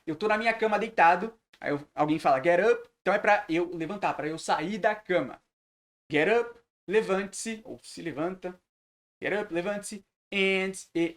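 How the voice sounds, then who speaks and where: A man teaching a recorded lesson, translating sentences phrase by phrase and repeating words slowly. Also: sits high, a bit bright. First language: Portuguese. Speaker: English teacher.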